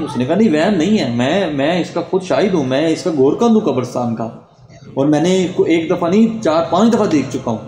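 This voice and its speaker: A man with a somewhat high, mellow voice tells a Sufi devotional story with drama, dropping into a lower voice for quoted speakers. He sounds roomy, with a long hall reverb behind him. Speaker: religious storyteller.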